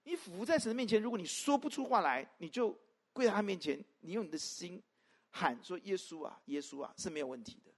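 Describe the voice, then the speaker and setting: A pastor preaching a sermon to a congregation, peppering it with rhetorical questions and swinging between loud emphatic calls and soft asides. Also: mid-range voice, fast, breathy edge. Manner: animated, constant rhetorical questions to the listeners.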